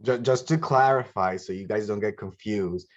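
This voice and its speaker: A man co-presenter steps in to carefully clarify a point for the listeners. His voice is very low, and the recording sounds dull and muffled. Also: normal speed. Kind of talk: clarifying explanation.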